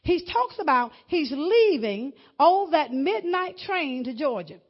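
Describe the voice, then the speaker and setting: A woman preacher delivering a booming, exhortative, impassioned sermon in a husky voice, repeating phrases for emphasis. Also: sing-song, takes it slowly, highs cut off. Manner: repeats key phrases for emphasis, rhetorical questions.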